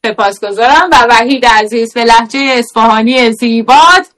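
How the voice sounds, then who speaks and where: Female TV talk host, clearly high voice, moderating a panel. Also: fairly bright tone. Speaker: host of a television talk show.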